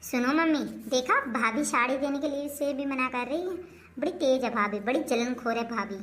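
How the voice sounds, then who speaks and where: A woman's voice: sits high, moderate pace, fairly bright tone. A woman playing a jealous, demanding young sister-in-law in a home-made comic family skit, whining and complaining about what she is given.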